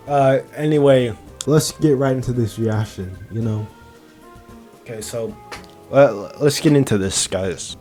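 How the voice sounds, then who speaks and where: Fast-talking young man, stammering vlogger. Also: mid-range voice, mellow, soft background music. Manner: fast-talking, stuttering, laughs often. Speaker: video creator. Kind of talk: casual vlog commentary.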